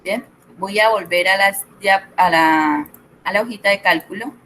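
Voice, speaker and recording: A woman's voice: mid-range voice, measured pace, a bit bright, a little hiss or hum, low-quality recording. A middle-aged woman, tutoring an online spreadsheet class, explaining step by step and checking in with her students. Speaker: Excel tutor.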